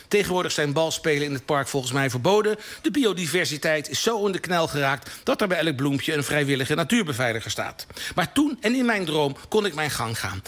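Een man van in de vijftig uit Nederland die op een levendige, theatrale manier een kerstverhaal voorleest. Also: fairly high pitch. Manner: animated, theatrical reading with lively voiced dialogue. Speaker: columnist reading a Christmas story. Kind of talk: scripted storytelling read aloud. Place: live radio broadcast from a hall.

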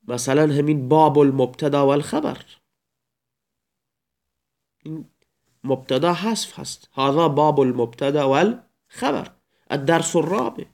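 A man with a slightly high voice gives a recorded grammar lecture. He explains each point step by step, lifting his voice whenever he recites an example sentence. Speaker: Arabic grammar teacher.

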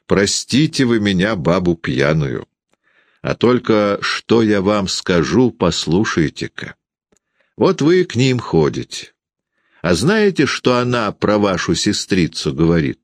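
Drunken old shoemaker woman, loud and abusive; a man doing the voice, high and wildly swinging. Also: very animated, measured pace, no room sound, studio quality. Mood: fawning. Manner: shouting, slurred, abusive.

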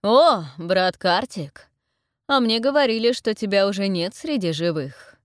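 A woman voicing a menacing aristocratic male cult leader in an audiobook, speaking slowly and coldly with commanding weight. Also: lowish voice, darkish tone, clean tone, no room sound, clean studio sound, close to an everyday voice. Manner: slow, cold and commanding. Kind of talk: audiobook character voice.

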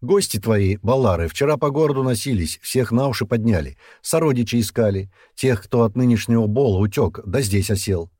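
A man's voice: medium pitch, expressive, a little fast, hardly any pauses, mellow, dry recording, studio quality, voice pushed up, lightly acted. Man doing a cranky slangy old helper. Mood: sly.

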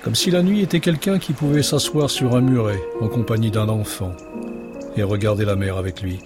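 A man's voice: on the low side, fairly quick. Man reading a bedtime story over music.

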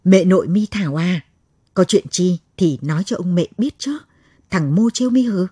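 A woman voicing an old grandmother who fusses over and scolds her grandchild fondly, in a loud, chiding way. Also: lowish voice, lively intonation, moderate pace, breathy edge, no echo, clean studio sound. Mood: fond scolding.

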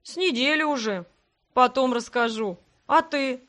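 A woman voicing a huge half-troll navigator who talks loudly and excitedly in an audiobook. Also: high voice, unhurried. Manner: loud and excited.

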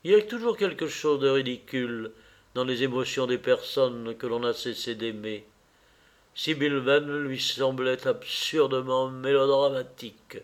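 A man narrating a classic novel as an audiobook reader, in a low-key dramatic way.

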